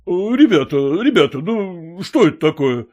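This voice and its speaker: A man doing a raised-voice reluctant gentleman. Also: high-pitched, very animated, normal speed, dull audio, pitched above the performer's own voice. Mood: refusing. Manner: refusing, exasperated. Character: educated gentleman, reluctant and firm.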